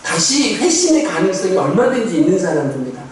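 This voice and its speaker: A man's voice: high voice, very animated, fairly quick. A man preaching a Sunday sermon as pastor, talking conversationally with rhetorical questions and asides to the congregation. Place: church sanctuary. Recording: echoey, distant church recording.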